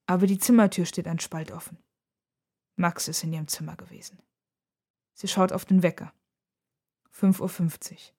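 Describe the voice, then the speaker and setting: Calm woman narrating a story. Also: on the low side.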